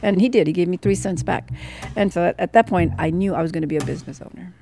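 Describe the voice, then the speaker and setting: Woman, 60s, low gravelly voice, lively personal storyteller. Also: quick pace. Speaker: interviewee.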